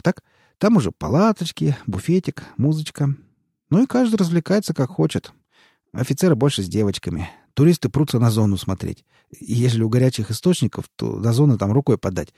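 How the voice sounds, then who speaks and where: A man's voice: mid-range voice, dark tone, breathy edge, dry recording, clean studio sound. A man reading aloud and voicing a fawning, frightened male snitch who pleads and wheedles in folksy slang.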